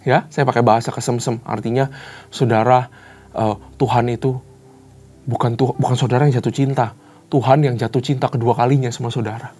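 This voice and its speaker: A man's voice: medium pitch, darkish tone. Emphatic male preacher. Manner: emphatic, rhetorical questions, addresses listeners as saudara, mixes in English phrases. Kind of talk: sermon. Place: church.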